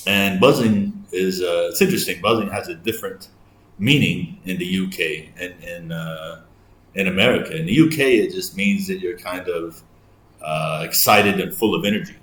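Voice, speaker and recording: A man with an English accent chats through an explainer video, thinking aloud as he goes. His voice sits very low, and the recording is roomy with a faint hum of ambience underneath. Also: normal speed, fairly bright tone. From England. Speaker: host, English teacher.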